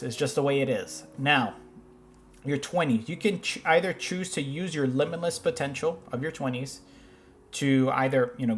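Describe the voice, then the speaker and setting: A man in his thirties talks through reaction clips in a casual, rambling way, often restarting his sentences. His voice sits in a middle pitch, and faint music plays quietly behind him. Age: 30s. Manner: rambling, with frequent restarts and fillers. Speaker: host reacting to finance videos. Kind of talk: casual commentary.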